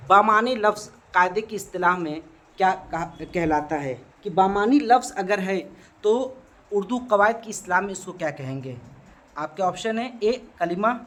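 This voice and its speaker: A man with a high-pitched, fairly bright voice teaches an exam prep grammar lesson. He goes through multiple-choice grammar questions, asks and answers them himself, and frequently checks in with his class.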